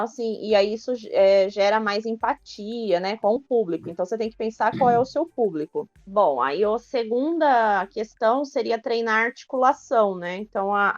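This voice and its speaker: On a podcast, a woman from Brazil talks as a guest expert on public speaking, explaining practical advice conversationally and leaning on lots of filler tags. Her voice sits in the mid range, and the recording is dry and lo-fi.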